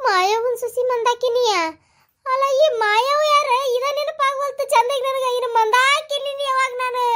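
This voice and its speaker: Someone voicing a squeaky, nosy village woman. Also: steady tone, bright, forceful tone. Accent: North Karnataka Kannada. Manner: nosy, pestering, quick to tease. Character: chatty village woman back from the city. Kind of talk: cartoon comedy voice acting.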